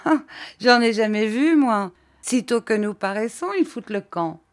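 A woman's voice: on the high side, expressive, moderate pace, voice pushed up, lightly acted. A woman voicing a cruel, mocking young male officer who is drunk and boastful, taunting as he speaks. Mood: drunken taunting. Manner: taunting, laughing.

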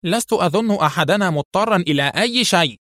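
A man's voice: on the high side, expressive, quick pace, no echo, studio quality, voice pushed up. A man voicing a haughty, defiant woman negotiator who speaks sternly.

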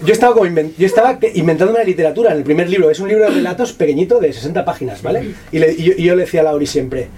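Fast-talking man, heard from afar. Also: on the high side, animated, mellow, husky. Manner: fast, slangy and profane, with many restarts. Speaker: author presenting his book. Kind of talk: casual talk at a book presentation. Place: bookshop event space. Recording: distant voice with faint room noise.

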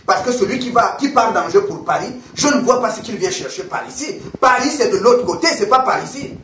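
A man's voice: high voice, lively intonation, fairly quick, a bit bright. A man voicing a blunt, matter-of-fact middle-aged mechanic in the story he is preaching. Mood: brusque. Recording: echoey room, voice far from mic, faint noise.

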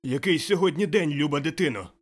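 A man's voice: on the high side, fairly quick, pitched above the performer's own voice, close to an everyday voice. Man playing an overjoyed old Scrooge. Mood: giddy, exultant. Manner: exclaiming, breathless, laughing. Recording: faint music behind.

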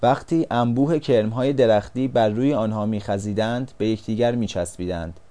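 A man narrating a storybook as an audiobook, reading in an even, steady way. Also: fairly low pitch.

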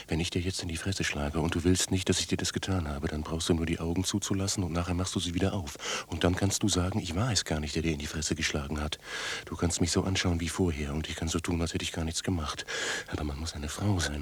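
A husky, brooding, possessive man. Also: sits low, steady tone, quick pace. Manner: intense, brooding. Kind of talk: radio play acting.

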